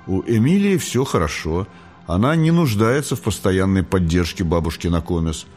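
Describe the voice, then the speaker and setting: A man reading an audiobook, voicing a gentle, timid young girl angel who pleads and frightens easily. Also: sits low, sing-song, normal speed, soft background music. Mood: calm.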